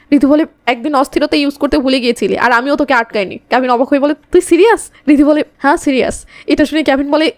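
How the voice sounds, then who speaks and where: A woman's voice: sits high, no room sound. A woman recapping a movie in a chatty storytelling way, with playful asides. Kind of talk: casual storytelling narration.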